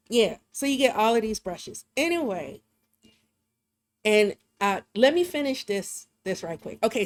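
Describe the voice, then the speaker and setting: A woman hosting a live drawing stream, chatting casually and laughing often as she thinks aloud. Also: medium pitch. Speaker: livestream art host.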